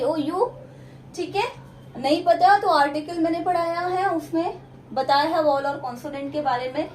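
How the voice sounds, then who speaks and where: A woman's voice: high-pitched, a little mellow, roomy sound, a little hiss or hum. A woman teaching English grammar for exam preparation, explaining step by step and asking the class questions as she goes. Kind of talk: exam-prep lesson.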